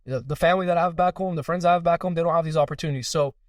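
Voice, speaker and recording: A man's voice: fairly high pitch, rapid-fire, no room sound, clean studio sound, far from the mic. A young adult man from Iran, a podcast guest telling his story in casual, earnest conversation with many fillers.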